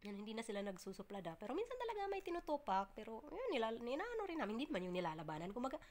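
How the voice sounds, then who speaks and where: A woman vlogging casually to her viewers, chatty and full of fillers and restarts, often laughing and breaking off to cough or clear her throat. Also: fairly high pitch, wildly swooping pitch, racing, a little mellow. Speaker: vlogger, domestic worker abroad.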